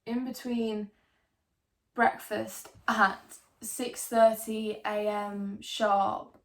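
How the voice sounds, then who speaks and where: A woman playing a wry, defiant young woman obsessed with ghost stories in a theatrical dramatic monologue, emphatic and full of lingering pauses. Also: mid-range voice, little pitch movement. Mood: subdued, confiding.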